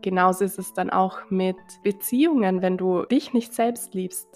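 Woman, medium-pitched voice, gentle encouraging delivery, scripted motivational meditation narration, faint background music. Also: moderate pace. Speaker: self-love and meditation guide.

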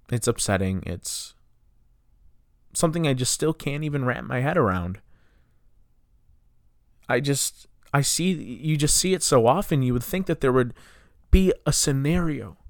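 A young man in his twenties hosts a solo podcast. His voice sits at a middle pitch, and he talks with frustration, asking question after question. The sound is close and dry. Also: no room sound. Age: 20s. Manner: impassioned, frustrated, rhetorical questions. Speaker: podcast host.

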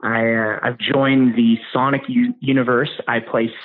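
A man's voice: medium pitch, level tone, unhurried, crowd noise. An American man gives a friendly, eager phone interview as a guest. His voice sits in an ordinary middle range. It comes through a thin, tinny phone line. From United States. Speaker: voice actor guest.

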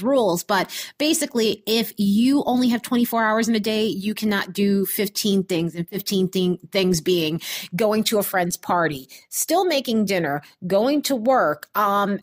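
A woman giving a casual, upbeat astrology forecast in an informal, chatty way, recorded on a phone voice recorder like a dictaphone. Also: mid-range voice. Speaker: astrology video host. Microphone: phone voice recorder app.

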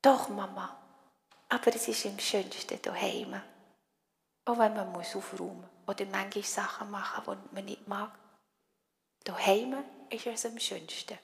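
A woman's voice: mid-range voice, fairly even intonation, measured pace, gravelly, in a large hall. Josi, a woman doing an earnest young bunny.

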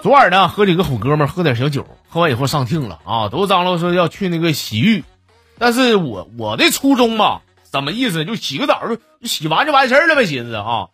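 Husky, lively Northeastern Mandarin radio host. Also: male voice, a little high, quick pace, no room sound, faint music behind. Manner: jokey storytelling, reading listener messages. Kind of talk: comic radio monologue.

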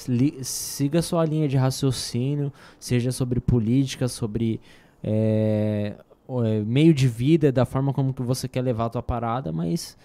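A man with a Brazilian Portuguese accent speaks in a relaxed, mellow voice of medium pitch. He chats informally with slang, pausing and repeating words as he shapes each thought. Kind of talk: casual podcast chat.

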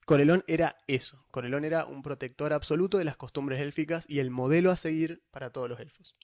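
Animated man with a Rioplatense accent. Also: a little high, fast, no echo, clean studio sound. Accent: Rioplatense Spanish. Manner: animated, explanatory, with many restarts. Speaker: podcast host discussing tabletop lore. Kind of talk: casual chat.

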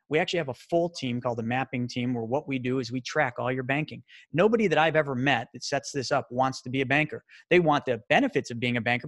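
A man giving an energetic sales presentation as a financial presenter. He talks rapidly and excitedly, firing off rhetorical questions. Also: medium pitch, no room sound, clean studio sound.

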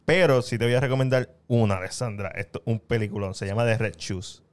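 A man, hosting a podcast and excitedly recommending films in casual chat. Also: fairly low pitch, a little fast. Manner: enthusiastic, recommends films with repeated praise. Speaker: podcast host.

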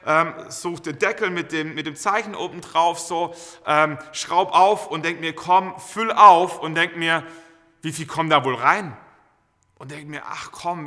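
Preacher guy, kinda high voice, gravelly edge, rambling stories, echoey hall. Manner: lively anecdotal storytelling with many fillers. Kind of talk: storytelling sermon. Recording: reverberant hall.

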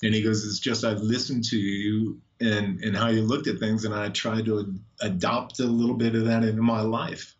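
A man's voice: lowish voice, little pitch movement, moderate pace, hardly any pauses, muffled recording. A middle-aged man with a Texan accent, telling stories in a blunt, sarcastic, laid-back way as a guest in a casual chat. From Texas.

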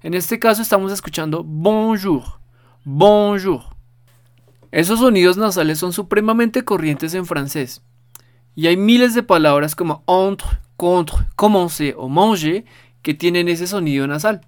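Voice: medium pitch, normal speed. A podcast host, giving a casual spoken lesson and patiently repeating words for the listener to practice. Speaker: podcast host teaching French.

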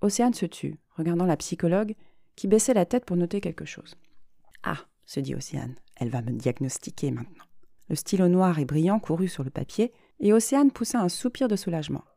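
A woman narrating her own short story in an even, measured reading voice. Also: on the low side, gravelly, dry recording, clean studio sound.

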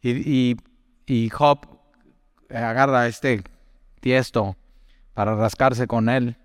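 Smooth-voiced man teaching the Bible. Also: mid-range voice, fairly even intonation, slow, dry recording, studio quality, long reverb tail. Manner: chatty, asks the listener direct questions, tells personal stories.

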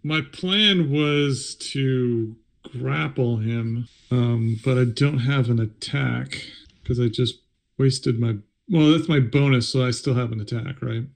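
A male player in a tabletop game with a gravelly voice. He talks hesitantly, working his moves out aloud as he goes. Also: mid-range voice, slow. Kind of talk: casual tabletop game play.

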